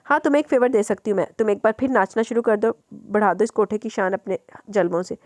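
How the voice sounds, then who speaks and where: A woman's voice: mid-range voice, quick pace, a little mellow, no echo, natural voice. A woman voicing a harsh, scornful middle-aged brothel madam in an audiobook novel, with a mocking tone. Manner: contemptuous, mocking.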